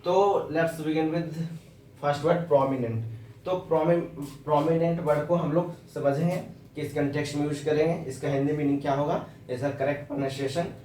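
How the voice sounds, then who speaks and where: A man with an Indian English accent teaching English vocabulary and spelling words out slowly, letter by letter. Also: on the high side, fairly even intonation, darkish tone, echoey room, far from the mic, a little hiss or hum, rough recording. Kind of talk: vocabulary lesson.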